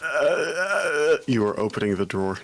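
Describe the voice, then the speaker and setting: Slow, hesitant man player, lively pitch. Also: vocal fry. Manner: hesitant, stammering, giggly. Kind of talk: casual tabletop play.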